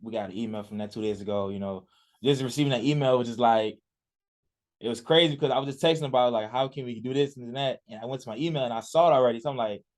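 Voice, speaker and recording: This fast-talking young man, a Richmond, Virginia college athlete in his early twenties, has a medium-pitched voice. Responding to a radio interviewer, he rambles casually, restarting often and leaning on fillers.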